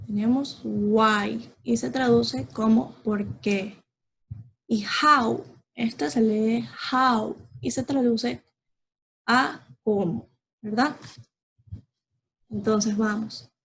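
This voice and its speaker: A woman teacher with a husky, slightly breathy voice and a fairly high pitch. She talks very slowly and patiently as she explains a lesson, checking in often with her students. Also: steady tone, fairly bright tone, poor audio. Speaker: English teacher. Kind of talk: slow explanatory online lesson.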